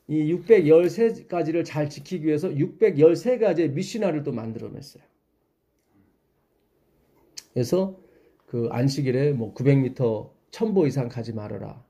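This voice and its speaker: A man's voice: a little high, dark tone. A man leading a Bible study, explaining patiently and asking his listeners questions.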